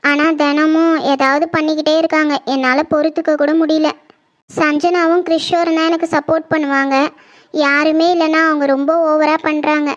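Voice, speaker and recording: A woman's voice: high voice, little pitch movement, normal speed, lightly acted. An actress playing a troubled young wife who pleads with her family and worries about them. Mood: pleading. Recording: muffled lo-fi sound.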